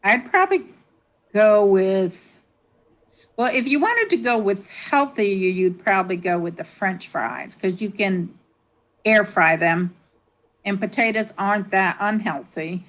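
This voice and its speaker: A woman's voice: medium pitch, expressive, unhurried, low-quality recording. A woman, chatting casually as a guest and laughing often. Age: 50s. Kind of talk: casual chat.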